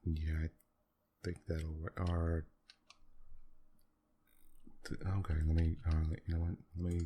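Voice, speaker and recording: A man quietly talking through a computer game in a soft-spoken ASMR style, musing aloud at an unhurried pace with many pauses. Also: rumbling low, monotone, a little hiss or hum. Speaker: gaming channel host.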